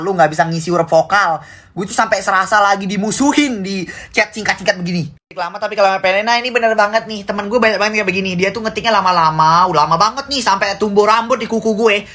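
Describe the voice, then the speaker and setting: A woman's voice: medium pitch, fast talker, a bit bright. A young woman giving sarcastic, exasperated comedic commentary, with faint music underneath. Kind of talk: comedic commentary on texting habits.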